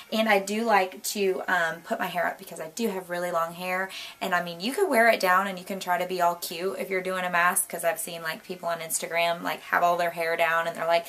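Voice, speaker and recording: A young woman with a hoarse, worn voice, chatting casually at home in a rambling, bubbly way with lots of asides. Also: lowish voice, a bit bright. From Florida, US. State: hoarse, losing her voice. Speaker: beauty vlogger. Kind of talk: casual chat. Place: home, indoors. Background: light jazz music.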